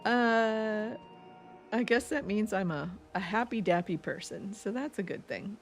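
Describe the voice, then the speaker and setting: A gaming streamer with an East Coast accent plays a game in a casual let's-play, rambling, laughing, and reading chat aloud. Her voice sits at medium pitch with a measured pace, and soft music plays in the background.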